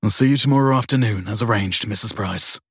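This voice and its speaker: An unruffled chauffeur, as a male narrator voices him, courteous and steady. The voice is low and strongly husky, recorded dry and close. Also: a little fast, dry recording. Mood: calm. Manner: calm and courteous. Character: calm, polite male chauffeur, unflappable.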